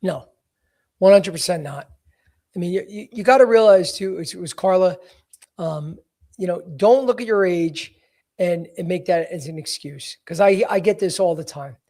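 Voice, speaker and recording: High-voiced blunt man in his forties. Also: moderate pace, darkish tone. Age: 40s. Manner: blunt and emphatic, many "you know" fillers. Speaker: podcast host, career coach. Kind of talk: casual advice podcast.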